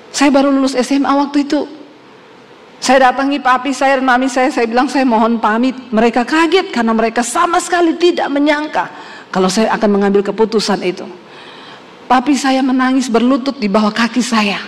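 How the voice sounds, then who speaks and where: A woman pastor from Indonesia giving an earnest sermon testimony, telling her story with feeling. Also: fairly high pitch. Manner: earnest storytelling, acts out her father's and mother's words. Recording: hall reverb.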